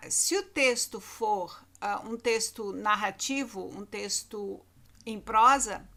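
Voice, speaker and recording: This Brazilian teacher, a woman with a Brazilian Portuguese accent, records a lesson for children and repeats key words emphatically. Her voice is a little high with a fairly bright tone.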